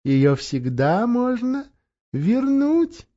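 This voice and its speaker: A man's voice: extremely high pitch, very animated, drawn-out words, dark tone, lo-fi sound, voice pushed up, exaggerated voice. A man doing a thin whining old hag. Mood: fawning. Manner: fawning, whining.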